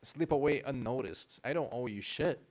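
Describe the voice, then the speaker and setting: A man's voice: medium pitch, normal speed, a little mellow. Playful male game streamer. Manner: playful, laughs often, reads lines aloud. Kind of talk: live game stream, reading narration and dialogue.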